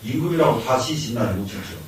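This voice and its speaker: A man's voice: mid-range voice, animated, quick pace, a little hiss or hum. An older man, a Buddhist monk with a Jeolla Korean accent, giving a lecture. He repeats key lines, asks questions and answers them himself, and chuckles now and then. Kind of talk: classroom lecture. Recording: echoey hall, mic from far off.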